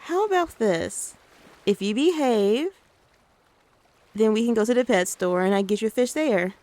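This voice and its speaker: A woman playing a gentle, doting mother in a soft-spoken ASMR role-play, soothing and coaxing as she talks to the listener like a small child. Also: on the high side, expressive, moderate pace, natural voice. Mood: tender. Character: gentle doting mother taking her little one out. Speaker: ASMR creator.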